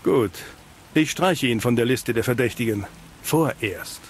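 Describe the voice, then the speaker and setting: A man's voice: medium pitch, animated, measured pace, slight background noise. A male actor playing a world-weary, cynical private detective in a fantasy video game, with a dry noir drawl. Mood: businesslike, suspicious. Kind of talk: scripted video game dialogue in German dub.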